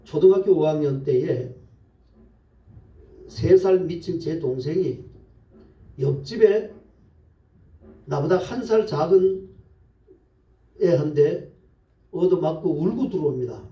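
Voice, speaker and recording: A male pastor preaching a sermon in a church, telling stories lively and asking the congregation questions. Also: on the high side, slow, long pauses, lo-fi sound. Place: church sanctuary. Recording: echoey church, voice from far off the mic.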